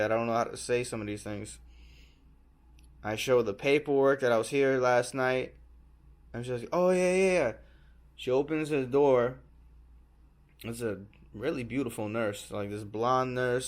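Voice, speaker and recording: A man casually retelling a travel mishap. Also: medium pitch. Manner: rambling, animated retelling with acted quotes and swearing. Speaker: travel vlogger. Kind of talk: casual storytelling vlog. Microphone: small handheld camera.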